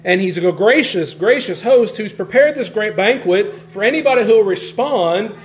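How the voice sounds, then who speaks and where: High-voiced preacher, lively and conversational. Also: male voice, moderate pace, a little hiss or hum. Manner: conversational, animated, frequent restarts, varies loudness widely. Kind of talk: sermon.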